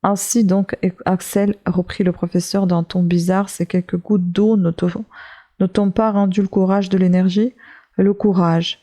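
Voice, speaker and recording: A woman's voice: mid-range voice, level tone, measured pace, mellow, natural voice. A woman reading the lines of a stubborn, obsessive old male professor in a commanding, insistent way. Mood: stern.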